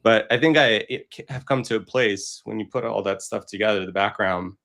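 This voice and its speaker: A man's voice: on the low side, brisk, creaky, fairly bright tone. A man from Brooklyn speaking as a guest in a casual conversation, in an earnest, reflective way. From Brooklyn, New York. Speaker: podcast guest.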